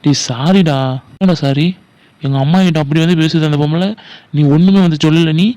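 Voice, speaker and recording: A man's voice: a little high, steady tone, a little fast, mellow, lightly acted. A man playing a young college man who trades brash, bickering banter with his friend. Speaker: college student. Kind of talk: village family drama acting.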